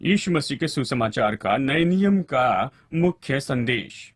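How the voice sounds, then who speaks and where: A man's voice: mid-range voice, animated, slow, husky, dry recording. Hindi-speaking man preaching a dry sermon. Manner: preaching to a congregation, asking for amens.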